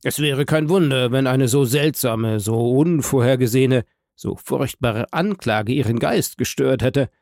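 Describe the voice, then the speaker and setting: A man's voice: mid-range voice, a little slow, creaky, darkish tone, dry recording, studio quality. A man voicing a commanding male court president in an audiobook, formal and demanding. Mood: stern.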